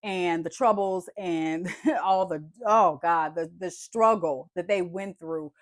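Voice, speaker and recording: A woman book vlogger with a stuffy, congested voice chats animatedly about books she loved, often saying "y'all" and "like." Her voice is fairly low and slow, recorded dry at studio quality.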